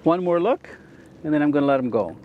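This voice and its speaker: Male Canadian fishing host, 50s, slightly high pitch, keen and explanatory, casual delivery from a kayak. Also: lively intonation, fast talker, phone-quality sound, a little hiss or hum. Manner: enthusiastic, explanatory. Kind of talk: casual on-camera fishing commentary. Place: outdoors in a kayak on a lake.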